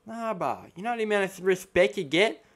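A man's voice: high-pitched, lively intonation, fairly quick. Man putting on a cocky Australian eshay, thick slang. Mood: indignant. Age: 20s. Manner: eshay slang, tacks 'bah' onto sentences. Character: cocky, combative young male Australian eshay lout. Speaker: comedy host reacting to a chatbot. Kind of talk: comedic character commentary. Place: small room at home, indoors. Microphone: close studio mic on boom arm.

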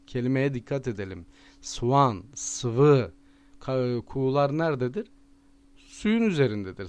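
A man with a Turkish accent teaching vocabulary with memory tricks, repeating each word slowly and stressing it. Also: medium pitch, a little mellow. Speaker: language teacher.

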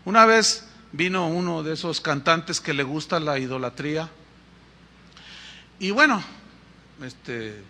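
Male pastor, emphatic exhorting sermon delivery, high and sharp-edged. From Mexico. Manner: emphatic exhorting preacher, rhetorical questions.

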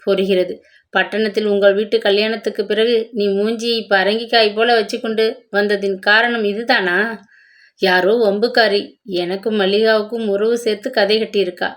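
A woman's voice: medium pitch, steady tone, normal speed, close to an everyday voice. A stern young husband, indignant and reproachful, as a woman reading a novel puts him on. The voice stays close to the narrator's own everyday tone. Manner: reproachful, earnest.

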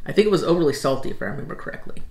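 A woman's voice: low-pitched, expressive, very fast, darkish tone, reverberant, a little hiss or hum. A middle-aged woman co-hosting a food tasting, chatting casually and reflectively at a table at home. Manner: chatty, reflective, recalls details. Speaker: food channel co-host. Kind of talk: casual taste-test chat. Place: dining room at home, seated at a table.

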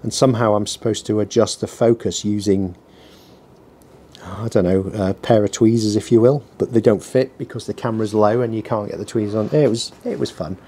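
Working at his bench, a man rambles through a casual workshop vlog with dry, self-deprecating wit; he's a small business owner blogging his work. His voice is on the low side, steady, brisk and mellow, with a breathy edge. The mic rests on the bench beneath him while a heater runs.

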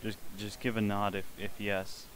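A man's voice: lowish voice, little pitch movement, moderate pace, over a noisy crowd. A young man hosting a game video, playing a leprechaun avatar and teasing other players in mock-indignant chat. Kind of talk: playful in-character game chat.

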